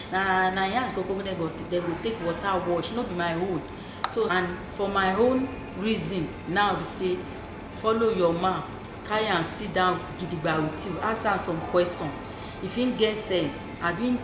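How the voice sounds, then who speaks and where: A woman with a Nigerian accent giving opinionated, conversational advice as a co-host, emphatic and repeating her points. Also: medium pitch. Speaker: talk show co-host. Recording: echoey room with clear noise.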